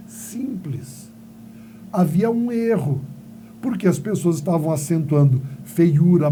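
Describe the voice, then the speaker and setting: A male teacher with a high-sitting, mellow voice gives a playful grammar lesson, asking his own questions, answering them, and telling silly stories. There is slight background noise.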